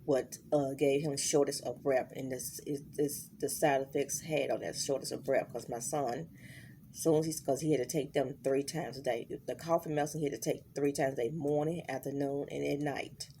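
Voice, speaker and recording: Gravelly middle-aged woman, worried, lots of ums and restarts, faint hiss behind. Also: extremely low pitch, steady tone, mellow. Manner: halting, many fillers and restarts. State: worried, holding back tears. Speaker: vlogger. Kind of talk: casual diary vlog.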